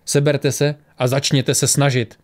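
A man's voice: mid-range voice, flat delivery, close to an everyday voice. A man voicing a stern, fed-up male traveler who lectures others in an audiobook.

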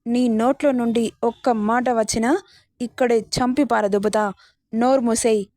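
A woman's voice: a little high, fairly even intonation, normal speed, mellow, dry recording, lightly acted. A woman voicing an angry young husband who threatens harshly. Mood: contemptuous.

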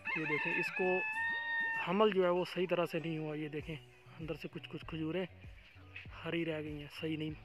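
A young man with a slightly high voice chats casually as he films outdoors among palm trees. He keeps pointing things out to his viewers, talking into a handheld phone with music playing clearly underneath. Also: wildly swooping pitch, moderate pace. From Pakistan. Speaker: vlogger. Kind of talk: casual walking tour vlog. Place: outdoors in a date palm farm.

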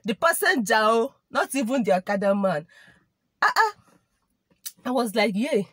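A woman's voice: fairly high pitch, big pitch swings, normal speed, a bit bright, no room sound. A young woman with a Nigerian English accent talks straight to her viewers in a loose, chatty storytelling voice. She mixes Igbo and Pidgin phrases into her English. The sound is dry and close, with no room around her. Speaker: vlogger. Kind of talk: casual storytime monologue.

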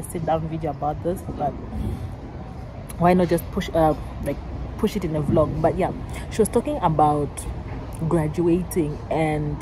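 A woman in her twenties with a low-pitched voice chats casually in a vlog, rambling with many fillers and restarts. She's out and about and then in a café, with a noisy background.

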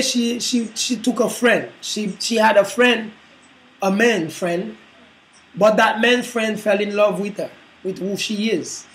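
A man's voice: sits high, a bit bright, rough recording. A man hosting a casual, preachy monologue, speaking emphatically and rambling through his points. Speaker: host.

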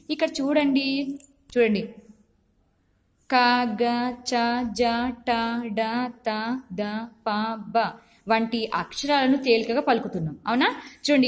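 Patient woman teacher with a high voice. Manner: patient, repeats and checks understanding; drills syllables one by one. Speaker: school teacher. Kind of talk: recorded class lesson for young children.

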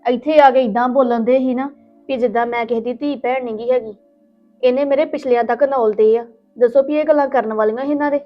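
A woman's voice: sits high, steady tone, quick pace, lightly acted. A woman playing a polite, conciliatory young wife in a Punjabi village family drama, speaking with a Punjabi accent. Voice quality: soft, soothing, polite. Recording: dull lo-fi with music.

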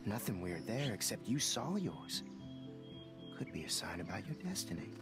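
An actor playing an eccentric, dreamy janitor in a video game, with a slow, ominous drawl and a breathy rasp. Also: male voice, lowish voice, very animated. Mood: cryptic, musing. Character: eccentric, dreamy janitor who loves animals. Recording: game music over the voice.

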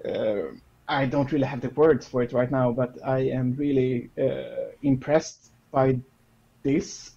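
A man speaks very slowly in a music reaction chat, his mellow, husky voice thoughtful as he reaches for words. The recording sounds dull and lo-fi. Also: medium pitch. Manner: slow, thoughtful, searching for words. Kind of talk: casual chat.

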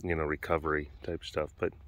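A big cat sanctuary keeper who vlogs, an adult getting older, talks a little fast in a flat bass voice that's slightly hoarse and partly lost. He rambles casually off camera through a handheld camera mic outdoors at the enclosures, softening into baby talk with the animals, in a dry recording.

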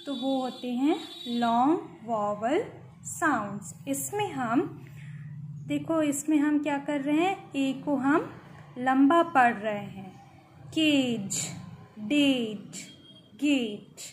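A woman's voice: high voice, lively intonation, slow, a little hiss or hum. A woman teacher with an Indian English accent, giving a grammar lesson to young children and spelling words out letter by letter while switching between English and Hindi.

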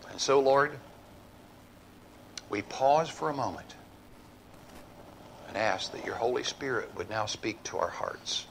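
Middle-aged man pastor, unhurried sermon delivery, mid-range voice, faint room noise behind. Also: mid-range voice, expressive, gravelly, poor audio. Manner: preaching with rising emphasis, then a hushed altar call. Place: church sanctuary.

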